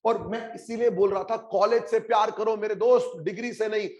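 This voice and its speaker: A man's voice: sits high, steady tone, fairly quick, darkish tone, lo-fi sound. A man with an Indian English accent teaching a live online class, mixing Hindi and English and urging students to reply in the chat. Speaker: online exam coaching teacher.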